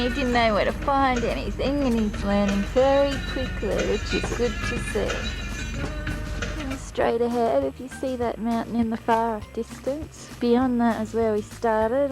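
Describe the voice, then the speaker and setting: Woman narrating a van trip, fairly high voice, dry jokey tone, old vhs tape sound, music in the back. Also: normal speed, poor audio. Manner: wry and chatty, gently mocking. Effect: old VHS camcorder tape audio. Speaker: traveller narrating a road trip. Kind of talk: casual home-video narration. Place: in a van on mountain roads. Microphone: camcorder mic.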